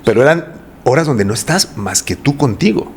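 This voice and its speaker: This medium-pitched, sing-song male voice moves at a moderate pace over a little hiss or hum. The speaker, a voice coach guest with a Mexican Spanish accent, talks at length in a casual interview and often throws out rhetorical questions.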